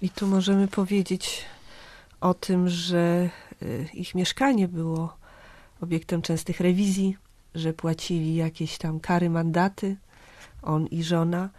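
Woman host, calm, leads the chat, slightly low voice. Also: measured pace, no echo. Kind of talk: conversational interview.

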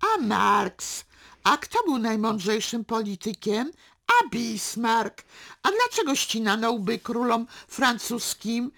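A woman reading aloud as a loud, boastful, self-pitying father who shouts and blusters. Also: medium pitch, big pitch swings, unhurried, vocal fry, pitched above the performer's own voice, heavily acted. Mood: blustering. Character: loud boastful middle-aged father, bitter braggart.

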